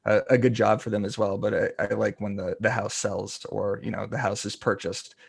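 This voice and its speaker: A male podcast guest talking in a low voice with a gravelly edge. He jokes around in a laid-back, casual way. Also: level tone, a little fast. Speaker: guest, content creator.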